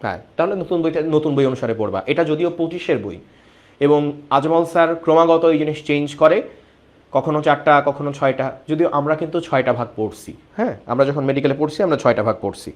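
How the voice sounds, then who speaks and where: Animated male biology teacher. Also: a little high, quick pace. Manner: explains step by step, keeps asking students questions. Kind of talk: online class lecture.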